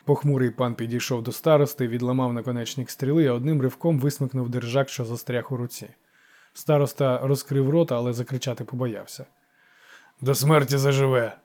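A man narrating an audiobook with lively storytelling. His tone is dark and mellow, at a middle pitch. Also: a little fast.

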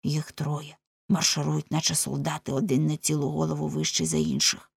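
A woman voicing a stout, plain-spoken male companion who answers tersely in a lowered voice. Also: moderate pace, gravelly, breathy edge, dry recording, clean studio sound, full character voice. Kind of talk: audiobook character voicing.

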